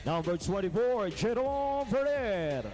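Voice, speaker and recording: A man calling player introductions in an indoor arena, stretching out the names in a booming way over the public address system. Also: lively intonation, a little mellow, faint music behind. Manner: drawn-out, booming name calls. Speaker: arena announcer.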